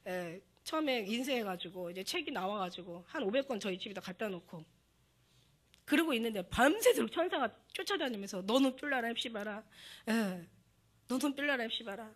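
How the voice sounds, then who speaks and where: High-voiced woman pastor preaching with passion. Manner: emotional, animated preaching, acting out prayers and God's words. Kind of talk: sermon.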